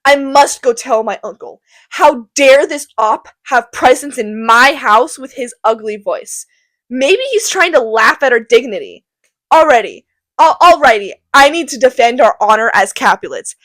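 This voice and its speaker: A woman's voice: sits high, lively intonation, normal speed, fairly bright tone, dry recording. A teen girl doing hotheaded Tybalt. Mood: indignant. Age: teens. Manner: indignant, slangy.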